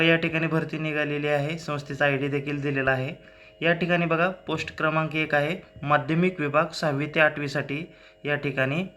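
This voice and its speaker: A man's voice: a little high, pushed and bright. A man hosting a job-news channel, plainly explaining teacher job advertisements point by point and often telling viewers to look. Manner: plain explanatory, repeating "see" and "at this place".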